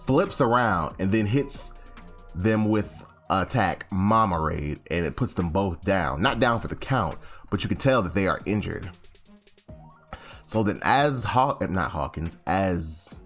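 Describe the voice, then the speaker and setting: Deep-voiced man with a lively, rambling recap. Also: unhurried, soft background music. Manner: rambling, slangy, self-correcting, acts out quotes. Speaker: anime chapter reviewer. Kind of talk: casual recap.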